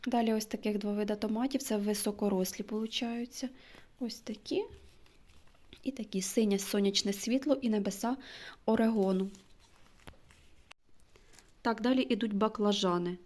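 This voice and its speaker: A woman vlogger in casual show-and-tell chat, slowly reading out names and sometimes dropping to a near-whisper. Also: mid-range voice, a little mellow. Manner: chatty, slow, reads out names one by one; drops to a near-whisper when reading labels. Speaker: gardening vlogger.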